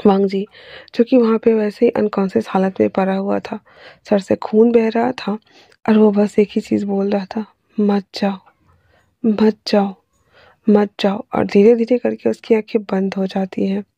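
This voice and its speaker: A woman's voice: medium pitch, little pitch movement, normal speed, vocal fry, dark tone, breathy edge, dry recording, lo-fi sound. A woman reading her own fanfiction aloud in a casual, chatty narrating style with fillers. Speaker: storyteller.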